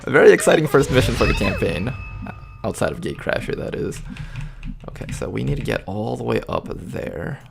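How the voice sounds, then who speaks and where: A man's voice: medium pitch, big pitch swings, a little fast, gravelly, over music. A man giving casual gameplay commentary as a gaming YouTuber.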